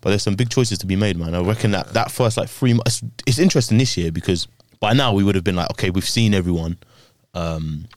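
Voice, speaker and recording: A man's voice: sits low, fast, dry recording, clean studio sound. A man with an urban London roadman accent hosting a casual, slangy football chat. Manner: slangy, conversational. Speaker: football podcast host.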